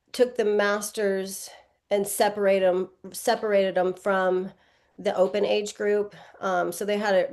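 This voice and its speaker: A woman in her forties, a guest athlete, answers interview questions casually in a medium-pitched, slightly mellow voice. She rambles and corrects herself as she goes, with lots of "um" and "like."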